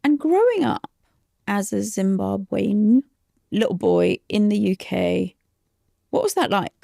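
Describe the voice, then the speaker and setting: A woman hosting a podcast interview, asking questions in a lively, friendly way. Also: medium pitch, vocal fry, no room sound, clean studio sound. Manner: lively, quick to laugh, prompting questions. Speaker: podcast host. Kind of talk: conversational interview.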